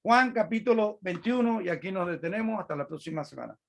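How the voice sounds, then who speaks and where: A preacher giving a sermon, explaining a scripture passage in a deliberate teaching manner with repeated phrases. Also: medium pitch, expressive, creaky. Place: church.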